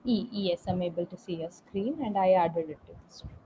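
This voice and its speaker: A woman's voice: lowish voice, normal speed, warm tone. Indian-accented woman hosting on a video call. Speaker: meetup host. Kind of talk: introducing speakers on a video call. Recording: dull video call with faint noise.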